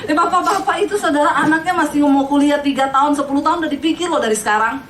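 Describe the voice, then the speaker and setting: A woman's voice: high-pitched, racing, a little hiss or hum. A woman pastor, giving a humorous sermon full of anecdotes and quoted voices. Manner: animated storytelling with quoted voices and laughter. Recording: echoey hall, mic from a distance.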